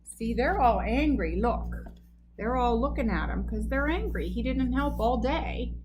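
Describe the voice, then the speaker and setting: A woman reading a picture book aloud to children at bedtime, pausing to explain the story gently. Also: on the high side, expressive, background noise.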